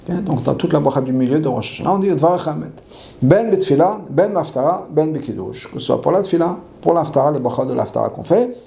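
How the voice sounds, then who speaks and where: Male rabbi teaching a law class, gravelly and dark-toned, reads Hebrew then explains, repeats key phrases. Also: medium pitch. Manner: asks questions and answers them himself.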